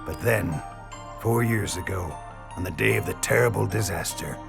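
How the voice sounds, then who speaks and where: A man voicing a composed, knowledgeable adult in an animated series, recounting the past in a measured, grave way. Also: deep voice, gravelly, music in the background. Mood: grave, explanatory.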